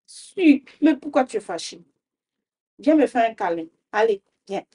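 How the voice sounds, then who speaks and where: Kids' show host, high-pitched woman, gentle questioning teacher. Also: big pitch swings, unhurried, husky. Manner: gentle, questioning, often adds "hein?". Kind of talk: teaching young children.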